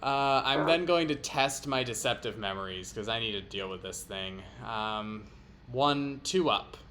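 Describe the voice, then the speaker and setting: Bright-voiced playful man at the game. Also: mid-range voice, animated, unhurried, a little hiss or hum. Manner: playful, laughing, explaining moves. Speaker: player. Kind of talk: playing a card game aloud.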